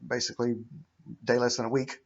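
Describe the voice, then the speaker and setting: Halting middle-aged man, dull lo-fi sound. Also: medium pitch, monotone. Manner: halting, matter-of-fact. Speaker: patient recounting his own surgery. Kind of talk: casual explanatory vlog monologue. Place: indoors, living room with high ceiling. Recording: dull lo-fi webcam audio.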